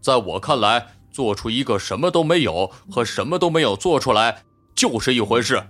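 A man's voice: mid-range voice, animated, a bit bright. A boastful, touchy male robot inventor from an audiobook, played by a man. His mid-range voice rises and falls animatedly over faint background music. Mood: indignant. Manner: boastful, quickly indignant. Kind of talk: audiobook character voice.

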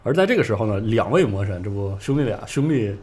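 A man's voice: lowish voice, sing-song, fast, a little mellow, breathy edge. A man hosting a podcast, casually retelling a game's story in a rambling way with many fillers. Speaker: podcast host recounting game lore.

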